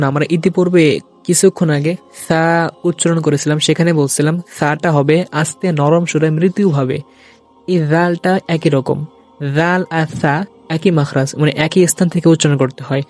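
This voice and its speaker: Pronouncing Arabic letters slowly and saying each one again for learners to echo, a male teacher leads a video lesson. His pitch is on the high side, and his tone is a little mellow.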